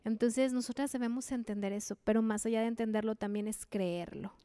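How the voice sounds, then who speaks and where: A woman speaks in a mellow, rather dark tone, but her pitch sits somewhat high. She explains her faith patiently, quotes scripture, and often agrees with her co-host. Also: steady tone, fairly quick, clear, resonant tone, no echo.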